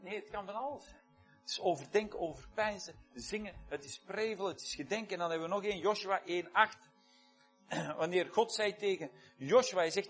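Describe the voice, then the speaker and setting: A man preaches in a loose, conversational way, stacking up words one after another and turning to the congregation with questions. His voice sits a little high for a man, with faint music behind him. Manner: conversational, repeats key words in lists, asks the congregation questions. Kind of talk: sermon.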